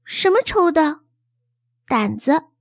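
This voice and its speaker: A woman voicing a secretive, shy young girl who speaks in a hushed, hesitant and lower tone in a storybook reading. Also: animated, takes it slowly, vocal fry, dry recording, studio quality, full character voice. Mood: confiding. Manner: hushed, hesitant, low confiding tone.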